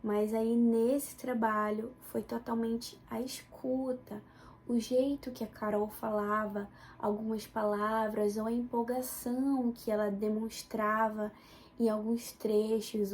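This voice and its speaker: A young adult woman with a fairly high voice gives a student presentation as a personal account, speaking with the northern Brazilian Portuguese accent of her hometown, Belém, Pará. A little hiss or hum is audible.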